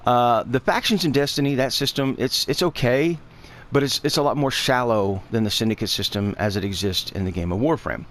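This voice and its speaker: This game tutorial narrator, a guide creator, sounds congested from allergies as he rambles casually, filling gaps and correcting himself often. He speaks a little fast, with a medium-pitched, fairly bright voice.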